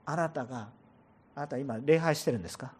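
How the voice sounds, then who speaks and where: A man preaching a sermon to a church congregation as pastor, animated and asking listeners rhetorical questions. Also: medium pitch, brisk, slightly rough. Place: church service before a congregation.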